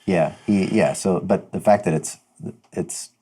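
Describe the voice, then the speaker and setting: A man's voice: sits low, measured pace, dark tone, husky. A man playing a tabletop game, thinking aloud in a hesitant way. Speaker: player.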